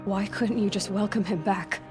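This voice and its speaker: A woman's voice: medium pitch, fairly even intonation, moderate pace, close to an everyday voice. A woman as Aloy, earnest young huntress, over music. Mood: intent, troubled. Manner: intent, probing, restrained questioning. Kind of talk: naturalistic video game acting. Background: background music.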